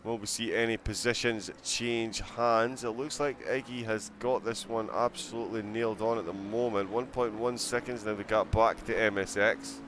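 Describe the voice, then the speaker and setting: A man's voice: fairly low pitch, steady tone, normal speed, hardly any pauses, noisy background. A man commentating a live sim-racing broadcast, chatting and giggling as he reacts to viewers' chat between race calls.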